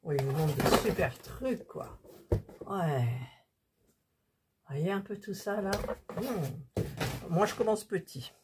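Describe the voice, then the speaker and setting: French lady doing a slow easygoing haul chat, kinda low voice, bit of hiss behind. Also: animated. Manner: chatty, talks to viewers while fiddling with items. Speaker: vlogger showing purchases.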